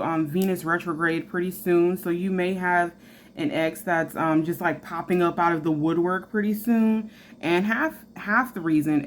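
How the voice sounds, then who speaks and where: A woman's voice: fairly low pitch, a little hiss or hum. Chatty woman giving a tarot reading. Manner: chatty, frank, filler-heavy. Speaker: tarot reader.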